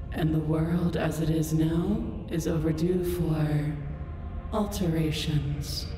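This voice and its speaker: An actress voicing a towering, godlike princess in a video game, her booming voice magically amplified, speaking in a slow, regal, commanding way. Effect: booming, magically amplified voice with heavy reverb. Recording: echoey hall reverb over game music. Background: game soundtrack music.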